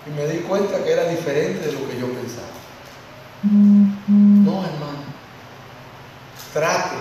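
A male pastor with a high voice preaches, lively and speaking directly to his congregation. His words ring around a large church hall, caught from far off, over a faint hiss. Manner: lively, acts out congregants, addresses listeners directly. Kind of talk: sermon.

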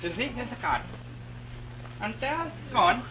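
An actor playing a kindly, pleading clown in an early talkie film, halting and folksy, with ungrammatical, repetitive speech. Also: male voice, extremely high pitch, very animated, pushed and bright, soft background music, exaggerated voice. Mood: apologetic. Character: kindly, pleading circus clown, stubborn lone juror. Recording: noisy 1920s film soundtrack with hum.

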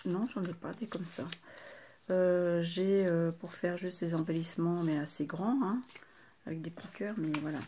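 A woman's voice: lowish voice, fairly even intonation, normal speed, dark tone, slight background noise. An older woman hosting a craft video, chatting casually to viewers and gushing with delight over each item she unwraps. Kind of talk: casual unboxing chat to viewers.

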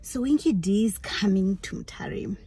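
A woman's voice: mid-range voice, lively intonation, normal speed, mellow, husky, low-quality recording. A woman in her thirties chatting casually to a phone camera as a vlogger, often dropping to a near whisper. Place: parked car. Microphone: phone at arm's length.

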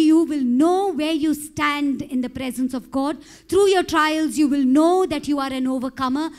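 A middle-aged woman from India preaching a sermon into a handheld mic on a church stage, growing impassioned. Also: high voice. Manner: impassioned, rising to shouted prayer. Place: church stage with pink backdrop.

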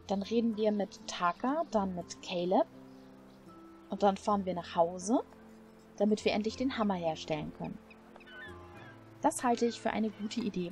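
A woman's voice: mid-range voice, normal speed, pauses often, darkish tone. A woman casually commenting while playing a game, chatty and enthusiastic, thinking aloud. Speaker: let's play streamer. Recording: faint music behind.

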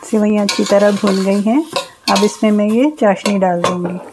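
A woman hosting her cooking channel, calmly explaining each step of a recipe as she cooks in her home kitchen. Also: medium pitch, normal speed, noisy background.

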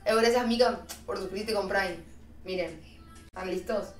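Argentine woman streamer, casual self-mocking chat, mid-pitched, set back from the mic. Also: moderate pace. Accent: Argentine Spanish. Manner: slangy, chatty, laughing at herself. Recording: roomy, distant mic, faint music.

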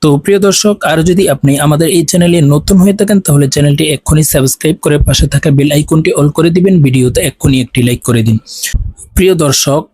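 A fairly high-voiced man teaches a recitation lesson. He drills each syllable slowly and draws it out, lifting his voice at the end of every set. The sound is dry and close, with no room echo. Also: a little mellow, slightly rough.

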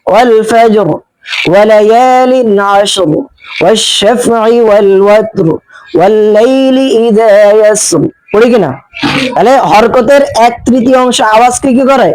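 A Bangladeshi man teaches Quran recitation rules in a very high, smooth, clear voice. He keeps asking his class questions and answers them himself, and he chants the example verses slowly and drawn out. The recording is dry and close, with no room sound. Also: no echo, low-quality recording. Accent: Bangladeshi Bengali. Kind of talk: tajweed lesson with recited examples.

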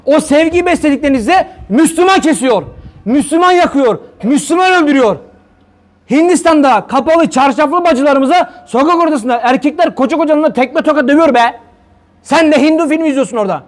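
A man's voice: very high voice, animated, a little fast. A male preacher giving a heated religious talk, firing rhetorical questions at his listeners. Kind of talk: fiery religious talk to viewers.

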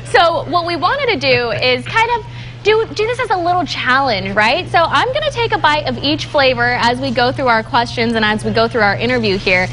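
A woman's voice: high-pitched, animated, brisk, fairly bright tone, slight background noise, rough recording. A woman hosting an upbeat TV interview in a studio, chatty and playful. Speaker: TV host.

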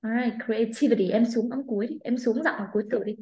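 A woman's voice: on the high side, fast talker, warm tone. A Vietnamese woman, an English teacher, drilling a student's pronunciation with strict, corrective remarks in a one-on-one lesson. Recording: echoey room.

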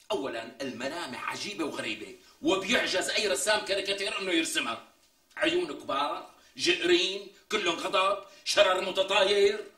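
A man's voice: high voice, sharp tone, reverberant. An actor playing a melodramatic, boastful man in a TV comedy sketch, talking in a theatrical, exaggerated way. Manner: theatrical, exaggerated, drawn-out emphasis. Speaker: comic sketch character.

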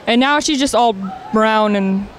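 A woman's voice: fairly high pitch, unhurried, slight background noise. A woman cosplayer being interviewed, chatting in a playful, joking way. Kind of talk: casual chat.

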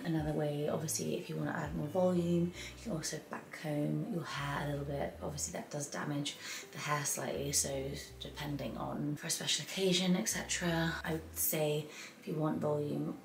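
A woman's voice: low-pitched, low-quality recording. A woman talking through her hair routine in a chatty vlog, often dropping into a whisper. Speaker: beauty vlogger. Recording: clear background noise.

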